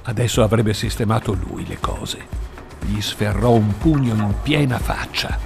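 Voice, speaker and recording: A man reading a novel aloud as a narrator, in measured storytelling. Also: lowish voice, gravelly, over music. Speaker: audiobook narrator. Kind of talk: scripted narration.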